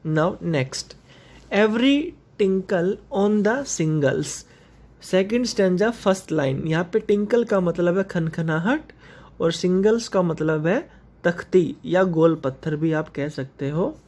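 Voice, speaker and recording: A male English teacher in a recorded lesson, reading poem lines slowly and then explaining word meanings to his students. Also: sits high, a little mellow. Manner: mixes English and Hindi, addresses students directly.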